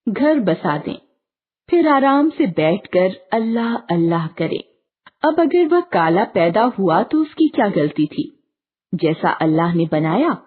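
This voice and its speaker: Slow, husky-voiced woman reading a storybook. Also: fairly low pitch. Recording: tinny phone-like audio.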